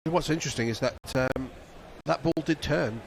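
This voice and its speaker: A man's voice: mid-range voice, normal speed, vocal fry, a little hiss or hum. A man giving expert cricket analysis, hesitant and often restarting his sentences. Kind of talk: casual commentary chat.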